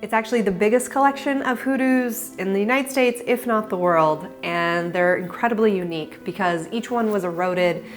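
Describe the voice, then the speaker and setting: A woman's voice: mid-range voice, normal speed, hardly any pauses, soft background music. A woman co-hosting a hiking vlog, talking casually and eagerly explaining what she sees. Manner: chatty and curious, explains things eagerly. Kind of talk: casual travel narration.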